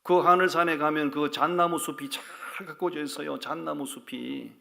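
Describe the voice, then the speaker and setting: A man's voice: fairly high pitch, steady tone, moderate pace, gravelly, pushed and bright, a little hiss or hum. A male pastor preaching a sermon with folksy, humorous storytelling and direct exhortation.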